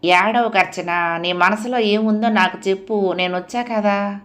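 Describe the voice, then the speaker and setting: A woman's voice: medium pitch, a little fast, lightly acted. A woman voicing a firm, caring young woman who coaxes her cousin and then scolds her with sarcasm, in an audiobook novel. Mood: gentle. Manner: coaxing, then sharp and sarcastic.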